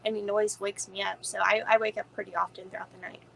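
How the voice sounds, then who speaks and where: A woman's voice: mid-range voice, flat delivery, fast, creaky, sharp tone, rough recording. A woman chatting casually as a guest co-host on a live stream, full of fillers.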